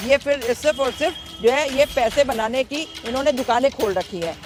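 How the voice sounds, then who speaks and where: A woman's voice: high voice, fairly quick, over music. A woman answering a street interview outdoors, emphatic and indignant, often asking "right?" as she makes her points.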